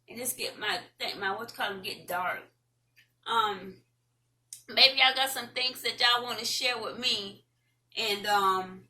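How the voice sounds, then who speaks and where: A woman's voice: fairly high pitch, bright, forceful tone. A middle-aged woman with a Southern American accent, chatting casually and giving folksy, rambling advice to viewers as an online host. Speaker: host of an online talk show. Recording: roomy, distant mic, faint noise.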